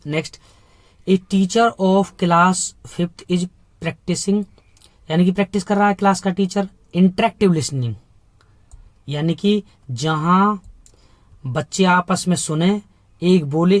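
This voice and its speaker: A man teaches an exam-prep lesson in a fairly high voice. He talks emphatically, asks his class rhetorical questions and repeats key points. The sound is close and dry, with no room echo. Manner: explains in Hindi mixed with English terms, asks rhetorical questions.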